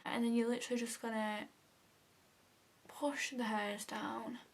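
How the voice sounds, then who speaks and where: A young woman talks through her makeup routine in a loose, chatty way. Her voice sits a little high, and she often sinks into a soft half-whisper. Her sentences are full of casual fillers. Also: flat delivery, unhurried, creaky. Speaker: makeup vlogger. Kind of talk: casual makeup tutorial chat.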